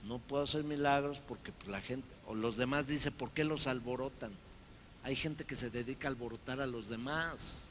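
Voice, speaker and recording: A man preaching from the pulpit with a bright, forceful tone. He talks to the congregation in a lively way and slips into the voices of the people he quotes. A faint rumble sits in the background. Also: moderate pace. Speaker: pastor. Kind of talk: sermon.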